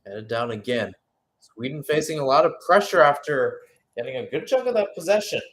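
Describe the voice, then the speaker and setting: This male play-by-play caller has a fairly high, bright voice with lively intonation and a fairly quick delivery, with slight hiss or hum on the audio. He gives radio-style live football commentary, musing conversationally between calls of the action.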